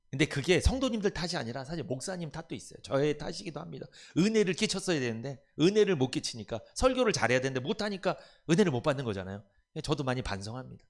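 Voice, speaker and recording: A man's voice: sits high, creaky, fairly bright tone. A man pastor preaching a sermon in church, asking the congregation rhetorical questions and acting out family members' voices. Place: church sanctuary.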